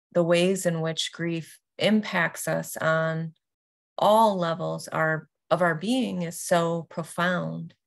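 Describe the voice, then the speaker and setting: A yoga nidra teacher guides a meditation at an extremely slow pace. Her slightly low voice carries a clear creak, and she speaks gently and deliberately with long pauses between short phrases.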